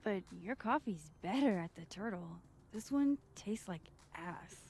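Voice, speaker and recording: An actress playing a curious young woman who investigates, direct and probing, with a breathy voice. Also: mid-range voice, lively intonation, a little slow, a little mellow.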